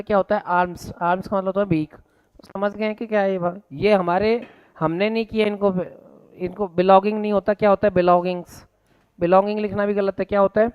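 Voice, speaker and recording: Indian-accented male teacher, classroom lecture, smooth voice, slightly dull lo-fi sound, quizzing students. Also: high-pitched. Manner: drills students with repeated questions; mixes Hindi and English. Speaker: English teacher.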